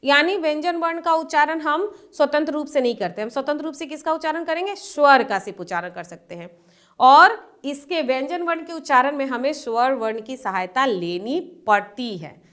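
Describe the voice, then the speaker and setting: Patient and steady at a normal speed, a woman with a slightly raised pitch leads a primary-school classroom lesson. She works through each point step by step, poses questions and answers them herself, and repeats the key definitions.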